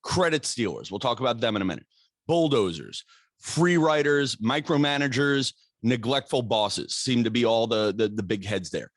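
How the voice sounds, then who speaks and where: Middle-aged man, podcast host, animated, stop-start delivery, fillers, dry close mic. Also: medium pitch, no room sound. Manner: animated, halting, lots of restarts and fillers. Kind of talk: casual interview chat.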